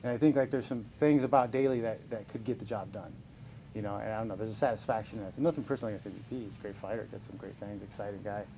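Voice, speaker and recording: Speaking very fast in a lowish, dark-toned voice, this pro fighter in his forties jokes at his own expense and laughs his way through reporters' questions. The scrum answers are relaxed and cheerful, with a bit of background noise.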